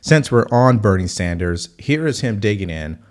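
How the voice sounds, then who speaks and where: A low-pitched male host delivers casual opinion commentary. He is emphatic and scornful, pressing his points in a combative way. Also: animated, moderate pace. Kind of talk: casual opinion commentary over news clips.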